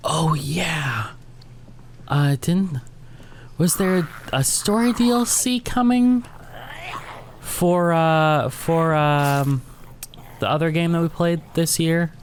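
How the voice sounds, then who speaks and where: Gravelly-voiced man rambling over gameplay. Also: a little high, takes it slowly, pauses often, a little hiss or hum. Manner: rambling, thinks aloud with self-corrections. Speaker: gaming channel host. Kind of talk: casual let's-play commentary.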